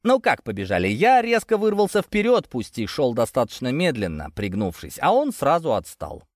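A man with a mid-range voice reads a first-person story aloud as an audiobook narrator. His delivery is steady and scripted. The recording is dry and close. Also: medium pitch, moderate pace, no echo.

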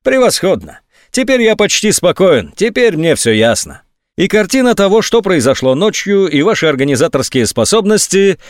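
A man's voice: big pitch swings, fairly quick, dry recording, studio quality. Man putting on a sneering, sarcastic general. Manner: mocking, sneering, sometimes shrill. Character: sarcastic, scornful male army general on phone.

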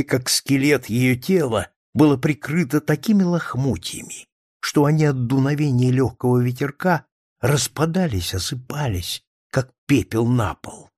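A man reading a first-person story aloud in a measured, dramatic way. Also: a little high, no room sound, clean studio sound. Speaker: narrator.

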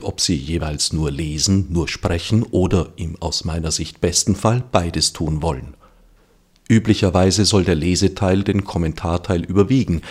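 Male host, very low and husky, reading a scripted introduction with formal care. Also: a little mellow. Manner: formal, measured delivery. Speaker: radio host. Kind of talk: scripted radio presentation.

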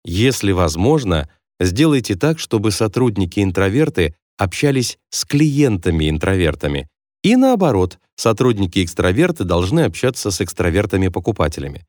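A man's voice: low voice, sing-song, moderate pace, a little mellow, no room sound, clean studio sound. A man reading a business advice book aloud as scripted nonfiction narration, in an instructive, evenly paced manner. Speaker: audiobook narrator.

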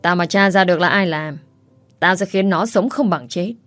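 A woman's voice: on the low side, moderate pace, fairly bright tone, dry recording, soft background music, close to an everyday voice. A woman voicing an arrogant young playboy who talks curtly and dismissively, in a storybook reading.

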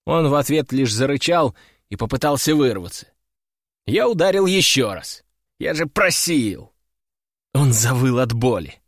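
A man reading a first-person story aloud in an even, casual, dryly ironic way. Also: medium pitch, moderate pace, no room sound, studio quality. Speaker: audiobook narrator. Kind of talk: first-person audiobook narration.

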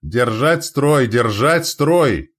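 A man's voice: medium pitch, lively intonation, very slow, a bit bright, pitched above the performer's own voice, full character voice. A man reading a story voicing a stern male commander who drills his spearmen. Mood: commanding. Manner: barked commands.

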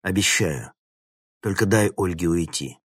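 A man's voice: deep voice, lively intonation, unhurried, a bit bright, breathy edge, no echo, studio quality, full character voice. A male narrator voicing an earnest teenage boy hero who pleads in a firm, urgent way. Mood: pleading.

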